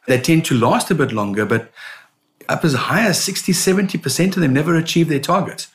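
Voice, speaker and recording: A middle-aged man, a sales consultant, answering interview questions in an animated storytelling manner with frequent restarts. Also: a little high, a little fast. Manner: animated storyteller, repeats words when starting.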